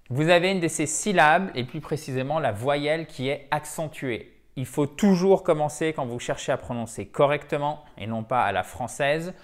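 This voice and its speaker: Chatty French-speaking male English teacher. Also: mid-range voice. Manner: chatty, self-mocking, repeats and rephrases often. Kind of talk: lively teaching monologue.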